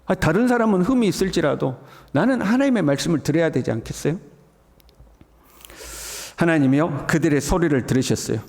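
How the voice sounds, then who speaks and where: A man's voice: fairly high pitch, lively intonation, a little fast, pauses often, darkish tone. A male pastor giving an early morning sermon, often acting out the mocking voices of scoffers. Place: church sanctuary. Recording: church hall with long reverb.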